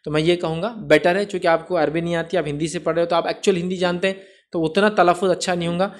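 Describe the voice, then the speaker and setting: High-voiced man explaining religious rulings. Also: fairly even intonation. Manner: explanatory, often checks understanding with "right?"; mixes English words into Urdu. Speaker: Islamic speaker answering viewers' questions. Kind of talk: religious Q&A lecture.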